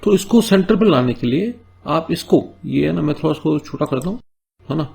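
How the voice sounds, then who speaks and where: A man's voice: on the high side, expressive, creaky, darkish tone, slightly rough. A man teaching a coding tutorial, explaining each step and often checking in with "है ना?". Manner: explains step by step, keeps asking "है ना?"; reads English task notes slowly between Hindi explanations. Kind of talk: screen-recorded coding tutorial.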